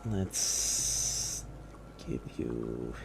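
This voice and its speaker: Slow, very low-voiced man narrating. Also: gravelly. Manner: hesitant, many fillers and restarts. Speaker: game master. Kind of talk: narrating a tabletop game. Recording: steady background noise.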